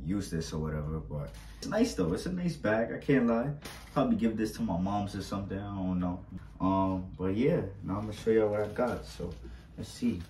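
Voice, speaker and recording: A man's voice: lowish voice, darkish tone, slight background noise. A young man, chatting casually through an unboxing vlog, slangy and repetitive, recorded by a fixed camera a few steps away in a small indoor room. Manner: chatty, slangy, repeats himself, pleads for likes. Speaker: vlogger. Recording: roomy, distant camera sound.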